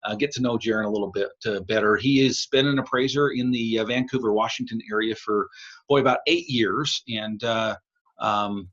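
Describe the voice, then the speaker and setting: Recorded on a laptop's built-in microphone, this American podcast host sounds tinny, like he's in a tin can. He speaks casually at normal speed, with a lowish, fairly bright, slightly rough voice.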